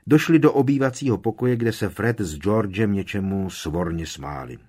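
A man narrating an audiobook in a measured, solemn reading. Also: on the low side, animated, a little mellow, slightly rough. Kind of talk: scripted narration.

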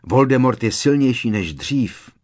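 A man's voice: medium pitch, expressive, darkish tone, voice pushed up, lightly acted. A man voicing an anxious teenage schoolboy who talks urgently and pleads in a raised voice in an audiobook. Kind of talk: audiobook character voice.

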